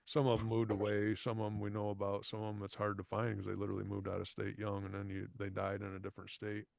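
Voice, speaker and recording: Man, gravelly, low, casual podcast chat, halting with fillers, dry close sound. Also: monotone, a little mellow, dry recording. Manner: halting, clears throat, many fillers. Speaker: podcast co-host.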